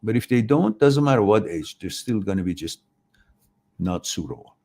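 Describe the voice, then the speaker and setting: A man's voice: lowish voice, lively intonation, moderate pace, a little mellow. Opinionated man giving advice. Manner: opinionated, rambling, acts out quoted voices. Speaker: host answering viewer questions. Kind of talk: live chat advice talk.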